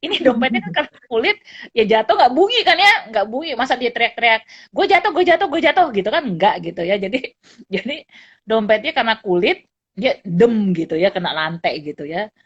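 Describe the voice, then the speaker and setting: A middle-aged woman psychologist and lecturer chatting casually, telling animated anecdotes and often laughing. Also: on the high side, a little fast, breathy edge. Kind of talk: casual storytelling chat. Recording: dull lo-fi recording.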